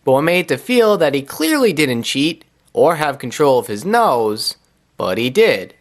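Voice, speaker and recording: A man's voice: a little high, big pitch swings, unhurried. Sarcastic man reviewing cartoons. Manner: sarcastic, wisecracking. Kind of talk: comedic review commentary.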